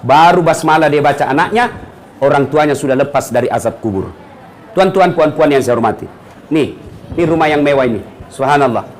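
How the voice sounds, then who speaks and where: Male preacher, middle-aged, high voice, animated, joking storyteller. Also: slight background noise. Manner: animated storytelling with jokes and acted quotes. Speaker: Islamic preacher. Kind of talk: lively sermon to an audience.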